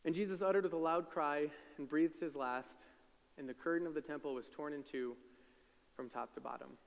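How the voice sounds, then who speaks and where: Male pastor, a little high, sermon recorded in a reverberant hall; talky scripture retelling with voiced quotes. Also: normal speed, vocal fry. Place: church sanctuary.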